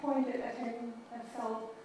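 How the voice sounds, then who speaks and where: A middle-aged Swedish keynote speaker addresses a large conference hall in English, accented and stuttering through repeated syllables and words. Her slightly high voice is mellow, flat and slow. The recording is distant and echoey, with a faint hiss or hum.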